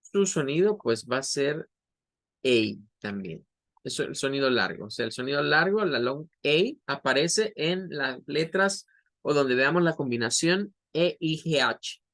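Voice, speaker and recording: Slow, patient Spanish-speaking English teacher. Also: male voice, on the high side, lively intonation, a bit bright. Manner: slow, patient explaining with drawn-out example words. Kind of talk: online class lesson.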